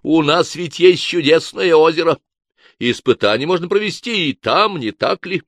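A man voicing a sly, smooth-talking male schemer in an audiobook. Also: on the high side, lively intonation, normal speed, fairly bright tone, no echo, clean studio sound, pitched above the performer's own voice.

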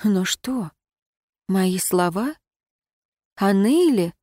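A woman's voice: medium pitch, drawn-out words, dry recording. Woman narrating fiction, dry close sound. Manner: expressive, emotional reading. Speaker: audiobook narrator. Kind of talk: scripted first-person fiction narration.

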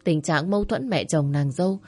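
A woman narrating a family story in a steady, even reading voice. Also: low voice, normal speed, husky, faint music behind.

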